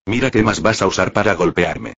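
Storybook: brash young officer, read by a man in his own low husky voice, dull lo-fi audio. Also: brisk, a bit bright, heavily acted. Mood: cocky. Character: brash, cocky young male marine officer. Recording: dull lo-fi recording.

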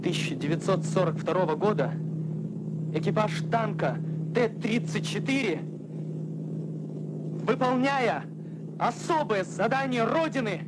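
A man's voice: sits high, lively intonation, unhurried, long pauses, very noisy. A young man playing an eager Soviet tank crewman who declaims a war bulletin in the manner of a Soviet radio announcer. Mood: proudly declaiming. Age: young adult. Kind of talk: mock Soviet announcer delivery in a war film. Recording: old film soundtrack with loud music.

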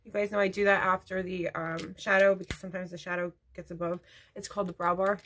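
A woman's voice: lowish voice, level tone, fast talker, fairly bright tone, slight background noise. A woman beauty vlogger chatting casually at home while doing her makeup, rambling into asides. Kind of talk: casual get-ready-with-me chat.

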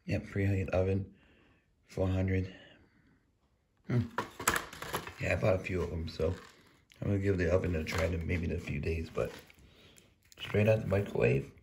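A man casually reviewing a frozen meal while eating, rambling in a relaxed way. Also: low voice, normal speed, creaky, pauses often, slight background noise. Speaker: food reviewer. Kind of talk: casual food review vlog.

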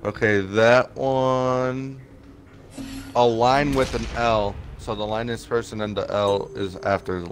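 A man's voice: mid-range voice, steady tone, takes it slowly, slight background noise. A man in a casual gaming voice chat, patiently walking teammates through steps between crude jokes. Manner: patient step-by-step instructions, crude teasing. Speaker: gamer guiding teammates.

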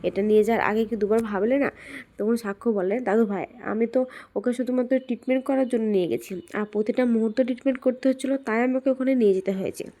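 Woman narrator, dark mellow tone, casual serial recap voicing each character's lines. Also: fairly high pitch, quick pace. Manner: quotes each character in turn, switching between narration and dialogue. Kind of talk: casual retelling of a TV serial episode.

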